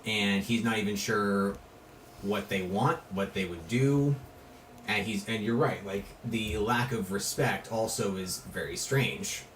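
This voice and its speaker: A man's voice: fairly low pitch, a little slow, fairly bright tone. A man casually narrating a tabletop fantasy game as game master. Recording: echoey room, distant mic, faint noise.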